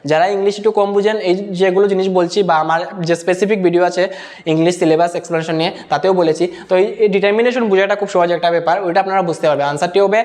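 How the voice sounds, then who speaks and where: A man working through exam answers, reading each English question out slowly and then explaining it in Bengali mixed with English terms. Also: sits high, fairly even intonation, a little mellow. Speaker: exam-prep teacher.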